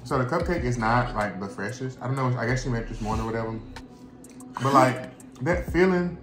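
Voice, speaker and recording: A man's voice: medium pitch, animated, a little fast, fairly bright tone. A man hosting a sweets mukbang, chewing while he talks in a casual, rambling way. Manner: casual, chatty, rambling with restarts. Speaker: mukbang host. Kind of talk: casual chat while eating. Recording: echoey room with music playing.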